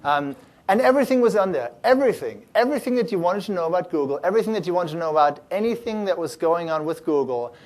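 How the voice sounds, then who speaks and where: A man speaking to a live audience at a startup event, pitched a bit higher than most men. He talks loosely and cheerfully, restarting phrases and filling pauses with "um" and "uh" as he tells stories. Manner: many fillers and restarts, animated and upbeat. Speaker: startup accelerator founder giving a talk. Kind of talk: conference talk.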